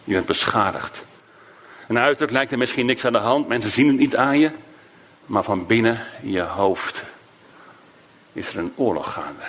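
A man preaching a sermon, emotive, swinging between raised emphasis and hushed, low phrases. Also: animated, slight background noise. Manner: slow, drawn-out delivery of quoted cries.

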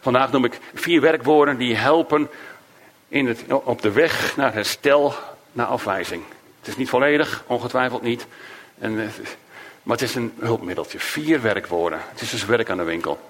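A man preaching a sermon, emotive, swinging between raised emphasis and hushed, low phrases. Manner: slow, drawn-out delivery of quoted cries.

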